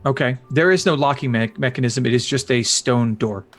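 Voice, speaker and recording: A man's voice: mid-range voice, a little fast, a bit bright, soft background music. A man running a tabletop game as dungeon master, narrating scenes and calling for rolls, often restarting his sentences. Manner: hesitant, restarts mid-sentence.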